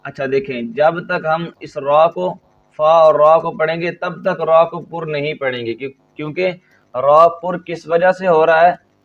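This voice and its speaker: A man teaching a Quran reading lesson, rattling off quick explanations and then spelling out letters and syllables slowly and loudly. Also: on the high side. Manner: quick explanations between slow, loud, drawn-out spelling drills. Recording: dull lo-fi recording.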